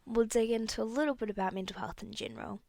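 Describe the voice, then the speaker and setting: A woman's voice: on the high side, fast talker, vocal fry, a little mellow, no echo. A young woman hosting a solo podcast, talking candidly and rambling a little, correcting herself as she goes. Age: young adult. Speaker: podcast host. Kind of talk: casual solo podcast talk.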